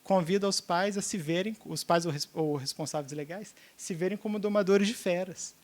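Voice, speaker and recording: A man's voice: sits high, moderate pace. A man speaking as a seminar speaker to a room of educators, checking in with the audience often and acting out little dialogues. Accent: Brazilian Portuguese. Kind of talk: teaching seminar talk.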